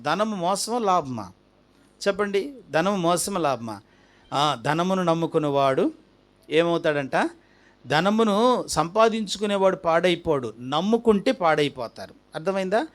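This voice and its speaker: Male pastor, high voice, emphatic repetitive sermon delivery with storytelling. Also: fairly bright tone. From India. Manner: repeats key phrases with rising emphasis, asks the congregation questions; acts out a little story with quoted dialogue.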